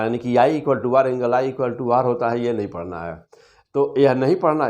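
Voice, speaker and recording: A middle-aged man teaching physics, going through an exam syllabus in a fond, reassuring way and reading out English topic names slowly. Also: medium pitch, a little mellow. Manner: calls students "beta" constantly, reassuring; reads English syllabus terms slowly and deliberately.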